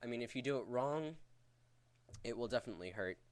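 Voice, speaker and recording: A man's voice: mid-range voice, lively intonation, brisk, no room sound. A man giving a casual, rambling vocal technique tutorial in a crude, jokey, profane way. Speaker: vocal tutorial host teaching screaming technique.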